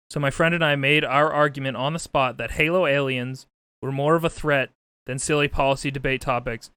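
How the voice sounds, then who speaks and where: A man's voice: mid-range voice, a bit bright, clear, resonant tone, no echo. A man streaming a video game, chatting casually in a rambling, wry, sweary way. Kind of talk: casual game commentary and chat. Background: game music.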